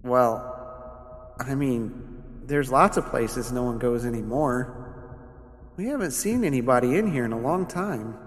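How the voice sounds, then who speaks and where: A man's voice: mid-range voice, animated, lightly acted. Eerie ghost child, as a man puts him on, hesitant and drawn out, echoey room with faint music. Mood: wistful. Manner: hesitant, slow, childlike, with small laughs. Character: lonely, creepy ghost boy who plays deadly games.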